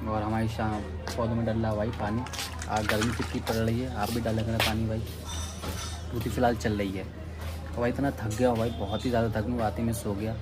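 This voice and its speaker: एक युवक अपने रोज़ाना के व्लॉग में बात करता है। वह बातूनी है और दर्शकों को बार-बार भाई कहकर पुकारता है।. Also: male voice, on the low side, level tone, fairly quick, loud music behind the voice. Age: young adult. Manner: chatty, keeps calling viewers brother. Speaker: vlogger. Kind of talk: casual daily vlog. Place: rooftop outdoors and small home room. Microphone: handheld phone camera at arm's length.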